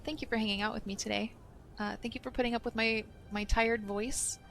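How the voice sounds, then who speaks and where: A woman's voice: a little high, steady tone, fairly quick, vocal fry, fairly bright tone, faint music behind. Casual woman narrating her game. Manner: casual, thinks aloud while playing. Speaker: gaming channel host. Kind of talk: let's play commentary.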